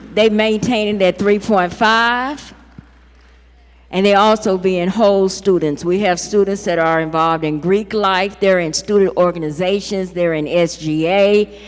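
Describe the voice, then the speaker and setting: Woman emcee, lowish voice, upbeat and proud, long echoing hall. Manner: upbeat, proud, casual asides. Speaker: program host. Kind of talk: ceremony emcee speech. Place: large hall.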